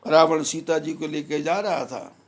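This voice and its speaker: A man giving a devotional discourse as a spiritual teacher, preaching in a measured, emphatic way with recited verses. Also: on the high side.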